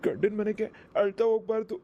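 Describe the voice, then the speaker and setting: A woman's voice: medium pitch, steady tone, fast, muffled recording, lightly acted. A woman voicing a tearful, loving elder brother blessing his sister at her wedding in a cartoon. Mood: soothing. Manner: emotional, tender, blessing. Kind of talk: cartoon voice acting.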